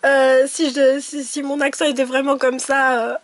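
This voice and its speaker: Bubbly woman with a high voice, a card-reading vlogger, chatty and giggly, recorded dry and close. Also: level tone, moderate pace, no room sound. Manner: chatty, giggly, with many fillers and restarts. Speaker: tarot and oracle card reader. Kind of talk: casual chat to camera.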